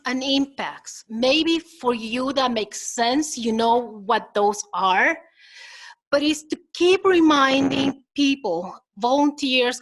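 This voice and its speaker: This conference talk comes from a high-pitched woman with a Minnesotan accent, captured on poor audio. She keeps things chatty and engaging, asking listeners rhetorical questions and voicing quotes with lively flair.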